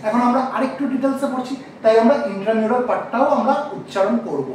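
A man teaching a class, asking questions and slowly repeating key terms. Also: very high-pitched, darkish tone, a little hiss or hum. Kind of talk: classroom lecture. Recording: echoey room, mic far off.

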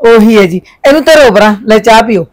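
A woman's voice: a little high, fairly quick, lightly acted. A middle-aged woman, playing an easygoing mother who defends her daughter. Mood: indulgent. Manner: indulgent, calmly arguing back. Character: easygoing village mother, indulgent. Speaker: mother of a college girl. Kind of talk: village family drama acting.

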